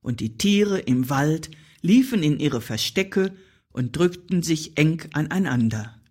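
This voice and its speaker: A woman narrating a children's story in an expressive, playful way. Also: low-pitched, breathy edge. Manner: slow, playful, with dramatic pauses. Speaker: audiobook narrator.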